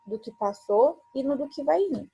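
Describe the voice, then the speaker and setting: A woman teacher with a Brazilian Portuguese accent gives a recorded lesson, her voice a bit husky and set slightly high. She repeats each example patiently and keeps asking the class rhetorical questions. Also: normal speed, warm tone.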